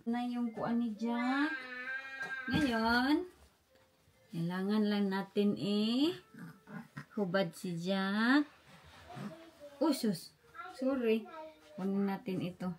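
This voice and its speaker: Young mom vlogging her baby, high voice, slow easy talk, lots of cooing. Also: lively intonation, a little mellow, slight background noise. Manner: coos and baby-talks to an infant. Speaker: mother filming her baby. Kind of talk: casual family vlog.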